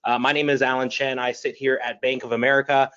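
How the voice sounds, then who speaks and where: A man speaking over a video call whose audio sounds slightly dull and muffled. He talks in a halting way, stopping and restarting often. His voice sits in an ordinary middle pitch for a man. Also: level tone, a bit bright, clear, resonant tone. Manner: halting, many fillers and restarts. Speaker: panelist, diversity executive. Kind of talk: webinar panel introduction.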